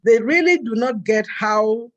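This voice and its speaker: A woman's voice: on the high side, lively intonation, measured pace, muffled recording. A woman from Cameroon, speaking earnestly and emphatically as a co-host in a panel discussion.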